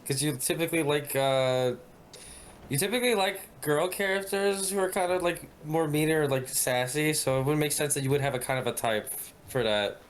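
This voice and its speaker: A man's voice: on the high side, normal speed, slight background noise. A young man co-hosting a let's-play, teasing his friend and laughing easily. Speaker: gaming co-host. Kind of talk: casual let's-play chat.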